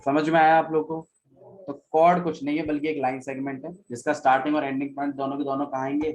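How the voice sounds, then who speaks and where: A man's voice: a little high, little pitch movement, quick pace, poor audio. A male maths teacher giving a classroom lecture, repeating key phrases and quizzing his students as he goes.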